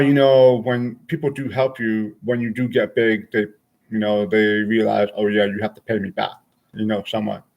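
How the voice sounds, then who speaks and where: A man's voice: mid-range voice, darkish tone. A man of forty chatting casually and frankly with his stream viewers, rambling from thought to thought. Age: 40s.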